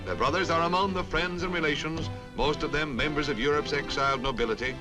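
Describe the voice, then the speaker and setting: A man's voice: fairly high pitch, fast talker, rough recording. A man giving dramatic, declamatory 1950s newsreel narration with wry quips, heard as old newsreel sound from a film soundtrack. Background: music.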